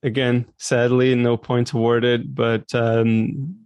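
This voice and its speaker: A man from Brazil, co-hosting a casual tennis chat, relaxed and full of fillers. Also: medium pitch, slow pace, clean tone, no room sound. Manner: relaxed, hesitant with many fillers. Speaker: podcast co-host.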